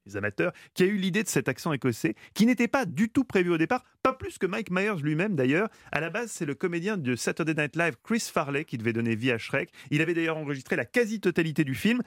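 A man with a fairly high, very lively voice, reeling off a comic radio chronicle with playful irony and teasing asides to his host. The studio sound is close and dry. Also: quick pace, hardly any pauses, dry recording. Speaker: radio columnist.

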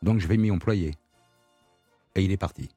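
A man who is an actor, being interviewed on the radio and answering in a halting, reflective way. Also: low voice, mellow, breathy edge, no echo, faint music behind. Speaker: guest actor.

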